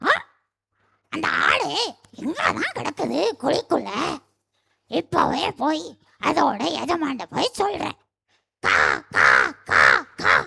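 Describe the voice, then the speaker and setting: Lady doing a raspy crow, kind and eager, slow drawl, puppet show. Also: high voice, wildly swooping pitch, sharp tone, full character voice. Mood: helpful. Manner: plaintive then eager, cawing. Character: kind, helpful crow, gloomy about having two legs.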